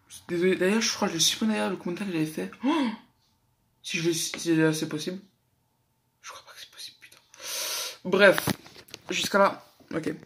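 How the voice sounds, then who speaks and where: A man's voice: high-pitched, breathy edge. A young man doing casual reaction commentary, rambling, slangy and swearing a lot. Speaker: reaction YouTuber.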